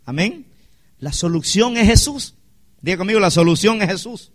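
A man's voice: sits high, lively intonation, normal speed. A male pastor, preaching a sermon with rhetorical questions to his congregation.

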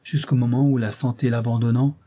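Male narrator for a classic novel audiobook, measured delivery, husky tone. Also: mid-range voice, flat delivery, dark tone. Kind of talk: scripted narration.

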